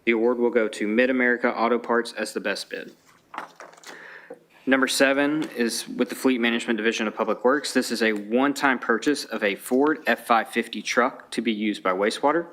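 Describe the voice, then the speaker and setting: A man's voice: mid-range voice, fairly quick, slight background noise. Male finance officer, businesslike council read-out of figures. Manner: steady, businesslike listing of figures. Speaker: city finance officer reading purchases. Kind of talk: formal meeting read-out. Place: city council chamber.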